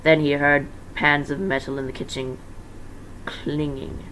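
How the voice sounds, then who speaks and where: An amateur fan fiction reader gives a casual dramatic reading, informal and stumbling, with asides where they correct themselves. The mid-range voice is flat, a little slow and fairly bright, captured in a noisy amateur home recording.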